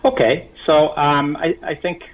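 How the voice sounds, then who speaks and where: A man from England with a softened Birmingham accent, a guest explaining things in casual chat on a video call, hesitant with many ums and restarts. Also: on the high side, fairly even intonation, measured pace. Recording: tinny phone-like line.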